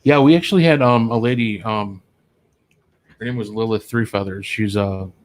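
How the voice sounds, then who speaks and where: With a lowish voice at a moderate pace, this podcast host chats about the paranormal from a small studio. He rambles, filling his talk with fillers and restarts, and speaks into a studio microphone.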